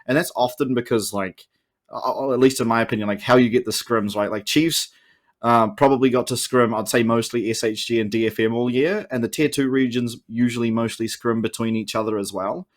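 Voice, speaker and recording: A medium-pitched man with a New Zealand accent lays out his views at length in a casual, analytical podcast chat, sounding like an esports caster.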